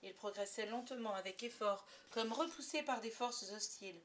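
A woman narrating a children's storybook aloud, expressive and dropping softer for suspense. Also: a little high, normal speed, a little hiss or hum. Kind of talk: audiobook narration of a children's classic.

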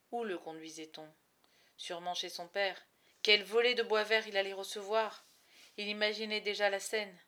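A woman narrating a storybook in expressive, measured phrases with dramatic pauses. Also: lowish voice. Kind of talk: storybook reading.

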